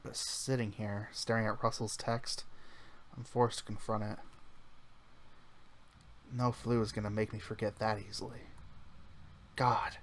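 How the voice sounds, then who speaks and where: A man's voice: lowish voice, level tone, measured pace, pauses often, a little hiss or hum. A man reading a visual novel aloud in first person, casual, with small slips he corrects as he goes. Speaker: let's play narrator.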